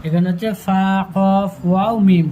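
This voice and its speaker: A man teaching Quran reading, calling out letters slowly one by one and explaining in quick asides. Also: high-pitched, fairly even intonation, mellow, a little hiss or hum, rough recording. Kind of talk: step-by-step reading lesson.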